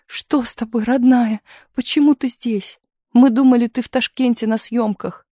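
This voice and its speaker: A reader voicing a tearful, excitable young actress Taisia, speaking in high, breathless exclamations in a dry studio recording. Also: moderate pace, dry recording, close to an everyday voice.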